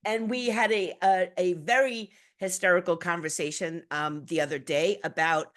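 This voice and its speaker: A woman's voice: lowish voice, fairly even intonation, moderate pace. Chatty, rambling woman podcast host. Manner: rambling and chatty, with laughs and frequent restarts. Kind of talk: casual chat.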